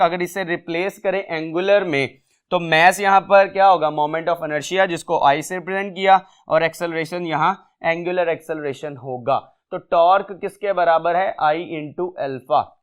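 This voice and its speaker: Man, physics teacher, high voice, asks and answers his own questions. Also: smooth. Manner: asks students questions then answers them himself. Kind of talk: entry test lecture.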